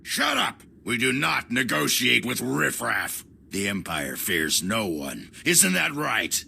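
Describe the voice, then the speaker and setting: A man's voice: mid-range voice, very animated, takes it slowly, vocal fry, sharp tone, a little hiss or hum, heavily acted. An actor playing a cowardly, greedy male Imperial official who blusters and then grovels. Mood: blustering.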